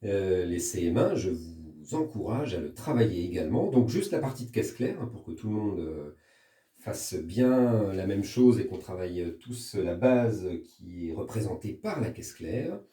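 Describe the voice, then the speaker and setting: With a low, warm voice, very animated yet measured in pace, a French music teacher patiently leads pupils through a percussion lesson one step at a time. He counts the hand patterns aloud while using a practice pad in a room at home. The recording is echoey, with his voice distant from the mic.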